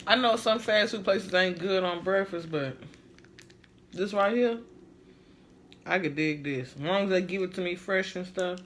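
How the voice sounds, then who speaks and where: A man's voice: high voice, a little slow, pauses often, fairly bright tone, slight background noise. A man chatting casually to viewers in a slangy, laid-back way while eating, chewing as he talks. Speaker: mukbang vlogger.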